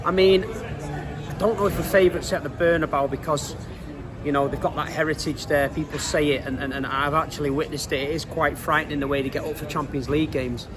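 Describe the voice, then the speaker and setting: A man's voice: a little high, steady tone, fairly quick, background noise. A man with a Manchester accent giving a casual, earnest interview as a football fan, using colloquial, emphatic phrasing.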